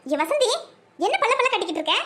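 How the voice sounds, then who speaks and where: A woman voicing a gruff, impatient working husband in a cartoon, with a Kanyakumari Tamil accent, barking orders. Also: very high voice, big pitch swings, fast talker, background noise.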